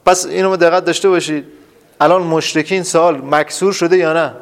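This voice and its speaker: A man's voice: fairly high pitch, fairly even intonation, gravelly. A man teaching a class, quizzing students with repeated questions and drilling terms emphatically. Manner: repetitive quizzing, asks and answers his own questions. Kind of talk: classroom lesson.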